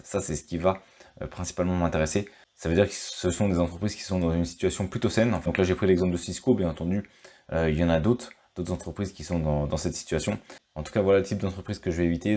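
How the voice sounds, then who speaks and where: French male finance vlogger, low and mellow voice, loose unscripted delivery full of hesitations. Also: a little hiss or hum. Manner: thinks aloud with frequent fillers and restarts. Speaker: stock market youtuber. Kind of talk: casual explainer commentary.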